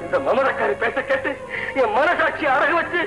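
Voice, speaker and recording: A man's voice: extremely high pitch, expressive, moderate pace. A man acting an indignant brother who scolds his cruel sister, in a declamatory old film style. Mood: stern, reproachful. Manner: stern, reproachful, declamatory. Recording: roomy old film soundtrack with music.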